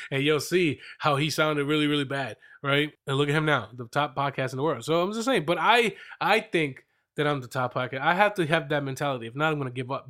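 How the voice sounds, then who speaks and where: A man's voice: mid-range voice, fairly bright tone. A man hosting his own podcast, chatting casually and teasing his guest with playful banter. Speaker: podcast host. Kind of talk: casual chat.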